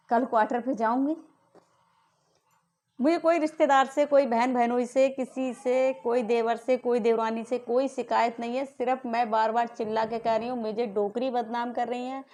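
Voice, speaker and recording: Indignant high-voiced woman ranting. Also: darkish tone. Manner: indignant, accusing, repeated rhetorical questions. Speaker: vlogger. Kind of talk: angry family-dispute rant to camera.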